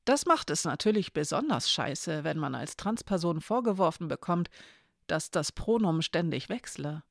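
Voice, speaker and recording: A narrator voicing Elena, a young woman who speaks quietly and matter-of-factly, often half muttering. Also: medium pitch, very animated, normal speed, creaky, no room sound, clean studio sound. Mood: subdued.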